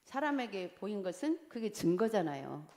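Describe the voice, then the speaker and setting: A middle-aged woman, a pastor's wife, giving a chatty, candid sermon that drifts between quiet outline points and laughing asides about her own life. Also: medium pitch, big pitch swings, moderate pace. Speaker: pastor's wife preaching to Sunday school. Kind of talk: conversational sermon. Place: church sanctuary. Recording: long church-hall reverb.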